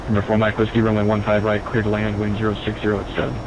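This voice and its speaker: Male air traffic control radio voice: lowish, very even, clipped and procedural. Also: very fast, dull audio. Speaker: air traffic controller on online flight simulation network. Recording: noisy radio with aircraft drone.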